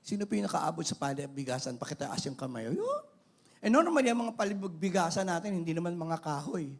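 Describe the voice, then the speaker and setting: A middle-aged man with a Filipino accent, preaching a sermon in an animated way, mixing in English phrases. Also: on the high side, fairly quick. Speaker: pastor.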